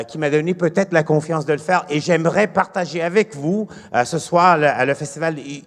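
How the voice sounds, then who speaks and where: Animated comedian with an English-tinged French accent. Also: male voice, fairly high pitch, in a large hall. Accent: English-influenced French. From Quebec. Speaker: stand-up comedian. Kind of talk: live stand-up comedy. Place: comedy festival stage before an audience.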